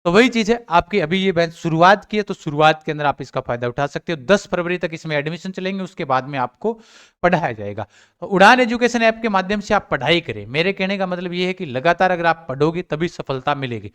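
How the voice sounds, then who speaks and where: Guy teaching exam prep, kinda high voice, smooth and clear, asks himself questions then answers. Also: animated, fairly quick, a bit bright. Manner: asks his own questions and answers them, repeats points. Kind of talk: casual exam update talk to students.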